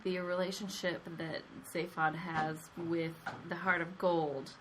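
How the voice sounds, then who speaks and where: A woman's voice: fairly low pitch, level tone, a little slow, a little hiss or hum, low-quality recording. A woman co-hosting a podcast in casual book discussion, bringing up points from her notes. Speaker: podcast co-host.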